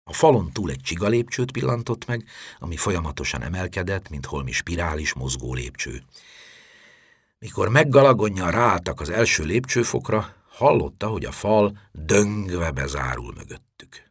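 Low husky guy reading an audiobook, really lively up-and-down delivery, dry sound. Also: no echo. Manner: dramatic storytelling, dropping low for tension. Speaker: audiobook narrator. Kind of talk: expressive scripted narration.

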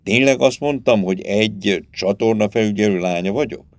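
A man's voice: lowish voice, dry recording, close to an everyday voice. A man reading aloud and voicing a frightened young woman who has lost her memory, speaking hesitantly. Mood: fearful, bewildered. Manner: hesitant, fearful, halting.

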